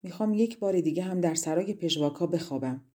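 A woman voicing a soft, sorrowful young queen. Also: fairly low pitch, close to an everyday voice. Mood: worried. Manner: soft, pleading.

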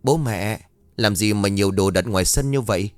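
A naive, cheerful young woman, voiced by a man in a spoken storybook. Her voice is lifted higher and asks eager, questioning lines. The sound is dry with faint music behind. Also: normal speed, no room sound, natural voice. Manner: bright, questioning, disbelieving.

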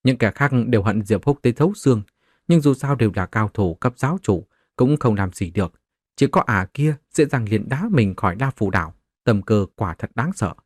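A man's voice: lowish voice, expressive, normal speed, no room sound, studio quality. A man narrating a martial-arts novel as a scripted audiobook, voicing the characters in his own voice.

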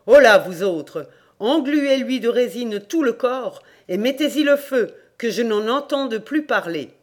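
Brief: man reading a domineering male devil chief, loud and commanding, audiobook folk tale. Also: extremely high pitch, animated, a little slow, voice pushed up. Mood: furious.

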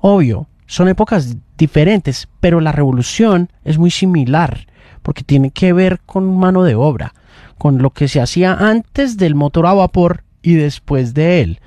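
A man's voice: fairly high pitch, lively intonation, measured pace, warm tone, no room sound. A man hosting a morning radio show, musing aloud in long thoughtful runs with restarts. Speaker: radio host. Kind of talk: casual morning radio chat. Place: radio studio.

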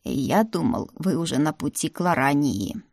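Brief: a woman reading as a composed older-brother rector, deep, measured, dry-spoken, storybook reading. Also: sing-song, creaky, darkish tone, dry recording, exaggerated voice. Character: calm male rector, the heroine's older brother.

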